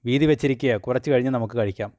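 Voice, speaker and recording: Man voicing a gentle, reassuring father in a storybook reading, dry close sound. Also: medium pitch, racing, no echo, natural voice. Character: gentle village father, reassuring his son.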